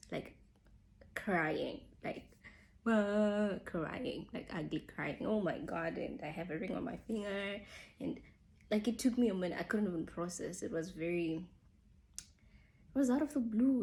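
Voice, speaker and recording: With a mid-range, slightly mellow voice, a young woman vlogger casually recounts how she got engaged. She chats away with frequent "like" fillers and calls her viewers "guys."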